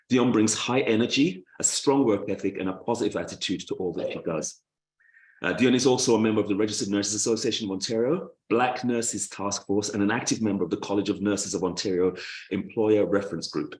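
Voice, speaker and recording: A man's voice: fairly low pitch, darkish tone, echoey room, poor audio. A man, a bit out of breath, introducing a guest speaker in a chatty way over a video call. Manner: chatty, laughs easily, restarts phrases.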